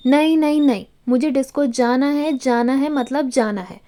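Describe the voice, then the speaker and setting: A woman voicing a drunk, playful young wife who teases and whines, a little higher than usual. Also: moderate pace, lightly acted. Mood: demanding. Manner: petulant, whiny shouting.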